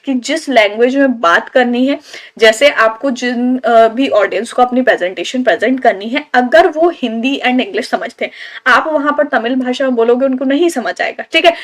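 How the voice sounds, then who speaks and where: A woman teaching a commerce lecture, reading English lines slowly and explaining them in Hindi. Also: high-pitched. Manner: often ends phrases with "theek hai".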